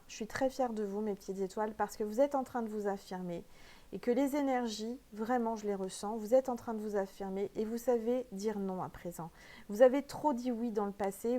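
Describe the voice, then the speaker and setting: A woman's voice: mid-range voice, dark tone. A woman with a French accent doing a casual spiritual oracle card reading, chatty and emphatic, with many fillers.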